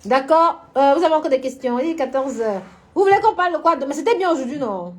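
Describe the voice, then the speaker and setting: A woman's voice: high voice, lively intonation, fast. A woman hosting a casual live stream, chatting frankly about business and answering viewers by name, often laughing. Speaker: florist and event decorator hosting a live stream.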